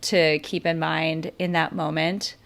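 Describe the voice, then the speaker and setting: A young woman hosting a podcast, talking fast and eagerly in casual chat with her guest. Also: deep voice, vocal fry. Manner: quick, energetic, filler-heavy talk. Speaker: podcast host.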